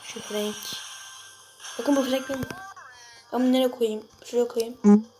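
A young girl chatting excitedly to viewers while she plays a mobile game, reacting loudly to each moment. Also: on the high side, a little slow, low-quality recording. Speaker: gaming video creator. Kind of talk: casual gameplay commentary. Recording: music playing behind the voice.

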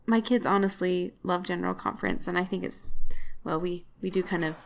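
A woman's voice: lowish voice, steady tone, brisk, vocal fry, a little hiss or hum. A woman co-hosting a casual scripture podcast with her husband, chatty and bubbly, often laughing. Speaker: podcast co-host.

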